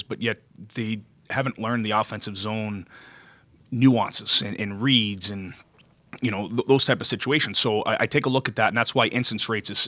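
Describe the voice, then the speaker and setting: A man's voice: lowish voice, pushed and bright, no echo. A man speaking as a hockey coach at a press conference, earnest and emphatic, often checking that listeners follow. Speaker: hockey skills development coach.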